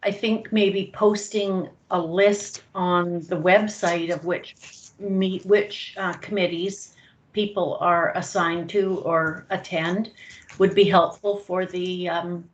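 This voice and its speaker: A woman councillor gives her view at a council meeting, softly and with frequent ums. The audio is dull and lo-fi, as from a meeting room recording. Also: fairly low pitch, steady tone, takes it slowly. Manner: soft-spoken, hesitant with frequent ums.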